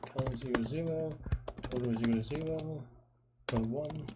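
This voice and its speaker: A man's voice: mid-range voice, a little slow. A man casually thinking aloud as he solves a programming puzzle, speaking in hesitant, muttered fragments while typing. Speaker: programmer host live-solving a puzzle. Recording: faint noise, keyboard typing and clicks.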